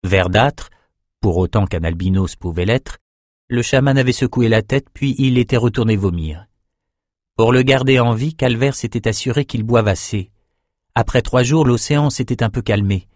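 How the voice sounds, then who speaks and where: A man narrating an audiobook in a steady, measured storytelling voice, close to the mic. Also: mid-range voice, dry recording.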